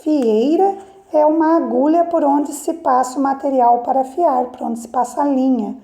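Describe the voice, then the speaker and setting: A Brazilian woman teaching children in a remote class, explaining slowly and checking in often with the kids. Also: high voice, mellow. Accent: Brazilian Portuguese. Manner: slow explaining with frequent "né?" and "tá?" checks.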